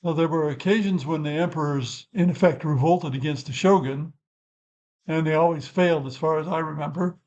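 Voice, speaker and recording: Older man musing, higher-pitched voice. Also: fairly quick, darkish tone, lo-fi sound. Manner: rambling and thoughtful, self-correcting asides. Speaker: channel host. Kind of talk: unscripted explanatory talk.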